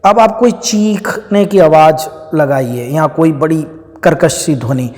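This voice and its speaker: A man's voice: fairly high pitch, unhurried, darkish tone, long reverb tail. A man giving a casual spiritual talk, explaining with everyday examples and dropping in English phrases. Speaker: spiritual teacher.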